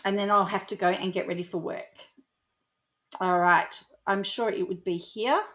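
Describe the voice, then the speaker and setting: An Australian woman hosts a casual commentary vlog and talks through online posts as she finds them. She is conversational and thinks aloud, with a voice of ordinary middle pitch. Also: fairly even intonation, moderate pace, a bit bright. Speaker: commentary vlogger.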